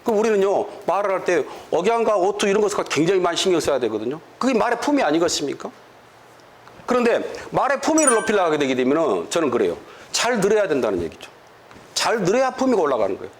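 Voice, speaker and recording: A man's voice: sits high, quick pace, a little hiss or hum. A man giving a motivational lecture to business distributors, telling stories and asking the room rhetorical questions, sometimes acting out quarrels in dialect. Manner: animated storytelling with rhetorical questions; acts out dialect quarrels in quoted voices.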